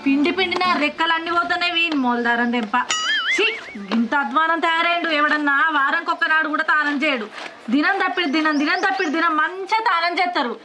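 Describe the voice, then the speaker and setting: A woman's voice: extremely high pitch, quick pace. An actress with a Telangana accent playing a village wife who scolds her husband with earthy insults, in a comic short film. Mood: grumbling. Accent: Telangana Telugu. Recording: loud background music.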